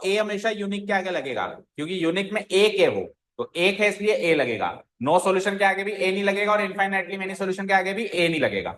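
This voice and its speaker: A man's voice: sits high, fairly bright tone, roomy sound, rough recording. A male maths teacher, lecturing a class step by step and often checking whether the students are following. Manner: explains step by step, keeps asking the class if they follow.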